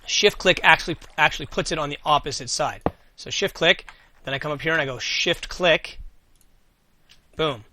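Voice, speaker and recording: A male gaming video host gives relaxed gameplay commentary, thinking out loud and answering his own questions as he goes. His voice is a little high, bright and pushed, at a moderate pace, with slight background noise in the recording.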